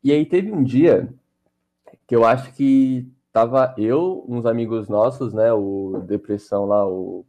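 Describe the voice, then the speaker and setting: A young man, chatting on a podcast in a relaxed, slangy way full of fillers. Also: mid-range voice, unhurried. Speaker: podcast co-host. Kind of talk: casual storytelling chat.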